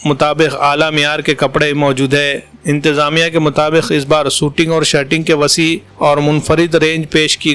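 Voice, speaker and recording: A male announcer with a fairly high, smooth voice reads a scripted advertorial. His delivery is formal and very even, recorded close and dry. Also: no room sound. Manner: formal, measured, news-report phrasing.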